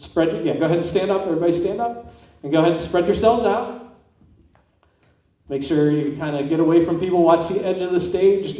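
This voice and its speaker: A man's voice: on the high side, warm tone. A man working as a stage hypnotist and host, giving simple repeated instructions and questions to volunteers in a live comedy show. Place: large indoor school stage, echoing. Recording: echoey hall, picked up from far off.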